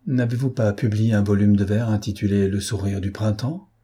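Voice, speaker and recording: A man reads a haughty rich prince in an audiobook, a cold schemer who mocks those below him. The voice is low, dark and husky, and its scorn is clipped and cold. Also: steady tone, brisk. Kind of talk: audiobook character voice.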